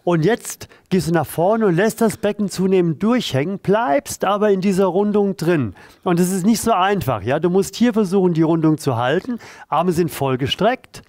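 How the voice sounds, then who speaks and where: Male exercise coach, fairly high voice, dry sound, direct and encouraging. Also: expressive, moderate pace, darkish tone, no echo. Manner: direct, encouraging, addresses viewer informally. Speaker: pain therapist leading exercises. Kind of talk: instructional exercise demonstration.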